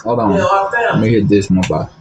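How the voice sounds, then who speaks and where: A man's voice: mid-range voice, huge pitch swings, a little fast, gravelly, a loud crowd. A middle-aged man, talking casually to viewers on a livestream in loose, rambling street slang. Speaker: livestream host.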